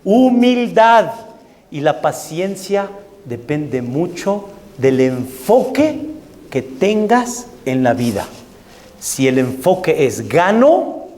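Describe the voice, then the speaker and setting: Male rabbi, emphatic sermon delivery with rhetorical questions, slightly high voice, long hall reverb. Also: darkish tone.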